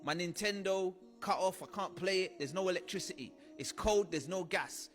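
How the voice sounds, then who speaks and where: A man gives a personal testimony talk, telling his childhood story with earnest conviction and acting out scenes as he goes. His voice is high for a man. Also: moderate pace, a bit bright, long reverb tail, faint music behind. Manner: earnest storytelling with vivid re-enactments. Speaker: speaker sharing his life story.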